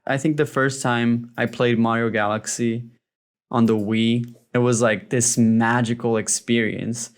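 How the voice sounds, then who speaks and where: A man's voice: mid-range voice, level tone, unhurried. A man from Brazil, a game developer casually telling his story in an interview, rambling and full of fillers.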